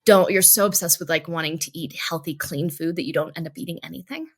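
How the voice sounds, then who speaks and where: A woman podcast host in casual, animated chat, laughing often. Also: low voice, fast talker.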